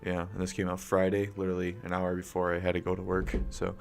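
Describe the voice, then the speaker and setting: A young man, raspy from just waking up, talks fast in a totally flat, low-pitched voice during a casual gaming stream. He keeps his voice down in his home room because family is asleep, speaking close to a desk mic, and his rambling is full of swearing, coughs, and fillers.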